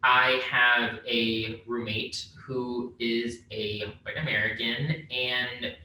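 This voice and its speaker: A young Vietnamese man, a native Vietnamese speaker, co-hosts a casual podcast chat, relaxed and rambling and quick to laugh. His bright, medium-pitched voice moves slowly, recorded in a very echoey room with faint noise.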